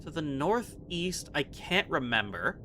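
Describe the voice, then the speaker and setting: A man's voice: fairly high pitch, sing-song, a little slow, bright, forceful tone, slight background noise. A man giving casual gameplay commentary, chatty and self-mocking as he thinks aloud. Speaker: gaming video host.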